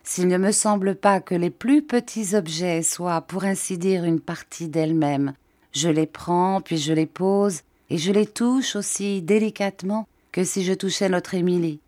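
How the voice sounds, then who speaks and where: A woman's voice: fairly low pitch, unhurried, a little mellow, natural voice. A woman voicing a cheerful, cordial old fisherman who talks with open enthusiasm. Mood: hearty.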